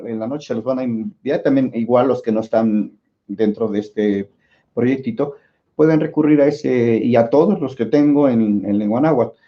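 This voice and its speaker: A man's voice: medium pitch, muffled recording. A man with a Mexican Spanish accent teaching an informal online language class, rambling with many fillers and restarts.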